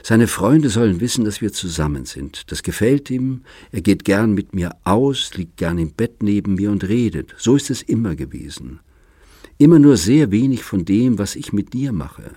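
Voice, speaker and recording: A man reading the part of an adult woman who tearfully pleads with her lover, in a soft, pleading manner. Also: on the low side, animated, normal speed, husky, dry recording, clean studio sound. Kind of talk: audiobook character reading.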